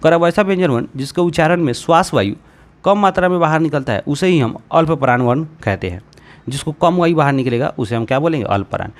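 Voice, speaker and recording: A young man teaching a grammar lesson, explaining patiently step by step and checking in often with his students. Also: a little high.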